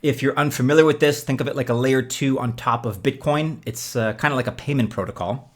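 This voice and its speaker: A man hosting a scripted explainer video, speaking like a presenter with conversational, casual asides. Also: a little high. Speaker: host of a crypto investing video.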